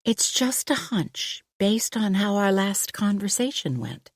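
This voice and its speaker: A woman's voice: medium pitch, sing-song, measured pace, no room sound, clean studio sound, voice pushed up. Woman reading a worried polite doctor. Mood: concerned. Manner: polite and concerned.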